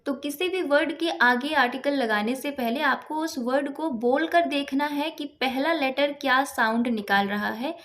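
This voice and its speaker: A woman's voice: high-pitched, normal speed, few pauses, a bit bright. A woman teaching a grammar lesson, patiently asking questions and answering them herself step by step. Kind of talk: explaining English grammar lesson.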